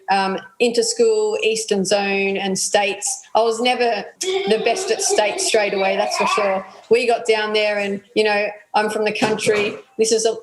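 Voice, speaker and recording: An athlete guest, a woman in her thirties with an Australian accent, answers interview questions in a relaxed manner full of ums and yeahs. Her pitch is medium, and the sound is roomy with a noisy background.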